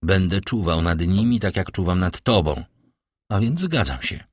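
A man's voice: low voice, expressive, normal speed, no room sound, clean studio sound. A man reading aloud and voicing a frightened, pious young noblewoman in a pleading, tremulous way.

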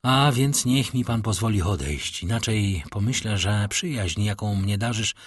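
A man's voice: on the low side, measured pace, slightly rough, dry recording, studio quality. A man reading as a despairing young man. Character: despairing young man, sincere and weary of life.

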